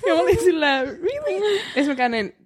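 Woman, podcast co-host, casual chat, animated storytelling, higher voice. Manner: animated storyteller, acts out quotes in a high voice.

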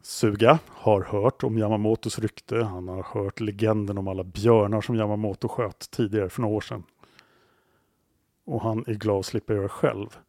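A man's voice: fairly low pitch, little pitch movement, darkish tone, no echo, clean studio sound. A man hosting a podcast, narrating a story dramatically and building suspense. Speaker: podcast host.

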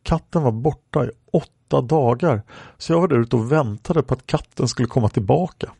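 A man's voice: medium pitch, creaky, warm tone, slightly rough, no room sound. A man reading a rambling woman under questioning. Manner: rambling, many fillers. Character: woman questioned by police, plain-spoken. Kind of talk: reading aloud an interrogation record.

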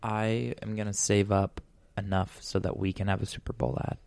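A man's voice: on the low side, level tone, normal speed, creaky, a little mellow, clean tone. A man from Arizona co-hosting a podcast, chatting casually and joking with plenty of fillers. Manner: rambling, joking, lots of fillers. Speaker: podcast co-host. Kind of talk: casual chat.

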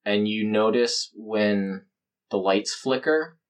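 A man's voice: on the low side, takes it slowly. A man running a tabletop game as game master, describing scenes in a chatty way full of fillers.

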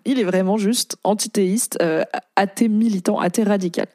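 A woman's voice: medium pitch, normal speed, warm tone, no room sound, studio quality. A young French-speaking woman hosting a casual podcast, reading and commenting on posts in a chatty way with many fillers.

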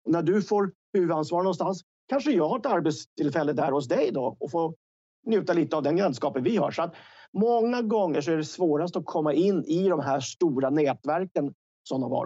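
A man with a fairly high, gravelly voice talks through his opinions in an unscripted sports discussion. He is discursive and drops in tag questions. The sound is dry and slightly dull. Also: dark tone, dry recording. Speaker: studio commentator.

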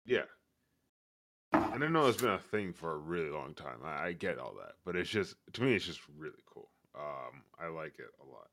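A man's voice: deep voice, big pitch swings, normal speed, fairly bright tone, a little hiss or hum. A man hosting a podcast, talking casually and enthusiastically about a TV show, rambling a little. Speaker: podcast host. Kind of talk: casual chat.

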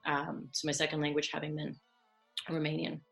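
A Moldovan woman whose native language is Russian answers interview questions thoughtfully as a podcast guest, with plenty of ums and restarts. Her voice is low, gravelly, and monotone, and she talks a bit quickly.

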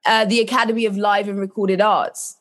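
A woman with a London accent chatting casually as an interview guest, telling stories in an animated, slangy way and acting out quoted asides. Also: medium pitch, fairly quick. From London, England.

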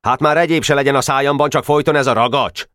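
A man's voice: medium pitch, fairly even intonation, fairly bright tone, no echo, studio quality, voice pushed up, natural voice. A man voicing a fed-up schoolboy who complains and accuses the others. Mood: grumbling. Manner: complaining, suspicious.

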